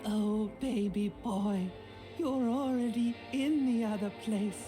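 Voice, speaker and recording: A coaxing limbic inner voice. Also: female voice, fairly high pitch, music in the background. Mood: coaxing, teasing. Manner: teasing, coaxing, unhurried. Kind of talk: video game voice acting.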